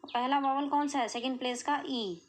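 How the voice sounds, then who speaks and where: A woman's voice: sits high, moderate pace. An Indian woman teaching shorthand step by step, patiently checking that her students follow. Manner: patient, checks in often with "clear?" and "okay". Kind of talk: explaining a lesson step by step.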